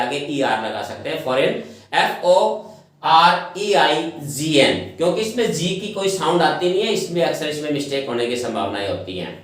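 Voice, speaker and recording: A man teaching an exam-prep spelling lesson, spelling words slowly letter by letter and repeating each word several times. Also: on the high side. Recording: very echoey room.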